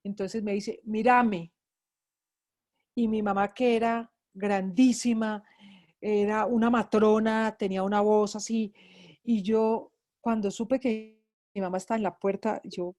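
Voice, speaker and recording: This grief psychologist, a middle-aged Antioquian woman from Colombia, tells a class her personal story during a lecture. Her medium-pitched voice is dark, flat and unhurried, yet she is emotional and repeats words for emphasis in her Antioquian Colombian Spanish accent.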